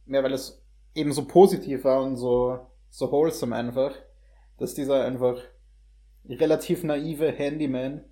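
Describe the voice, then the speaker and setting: Warm, steady and medium in pitch, a young man's voice moves at an ordinary pace as he hosts an informal chat about films. His phrasing is hesitant while he searches for words, and he drops in English slang along the way.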